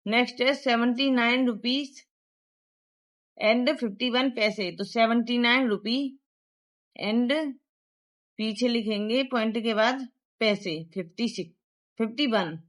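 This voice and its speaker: A woman's voice: a little high, fairly even intonation, fairly bright tone. A woman with an Indian accent teaching a primary-school math lesson, explaining step by step and switching between Hindi and English. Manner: reads English textbook sentences very slowly. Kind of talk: explaining a textbook lesson to young pupils.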